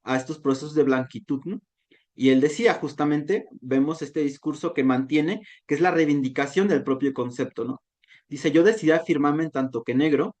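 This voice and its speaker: This volunteer talk facilitator from Mexico speaks with a Mexican accent; Nahuatl is his first language. His medium-pitched, darkish voice carries a reflective online lecture, and he keeps adding "¿no?" to the end of his sentences.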